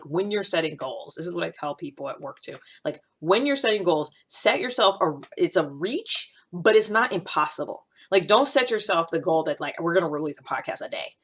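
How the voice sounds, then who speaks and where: Speaking casually to camera without a script, this American podcast host in her thirties offers self-improvement advice, repeating her key points emphatically for emphasis. Her voice sits low and sounds slightly rough.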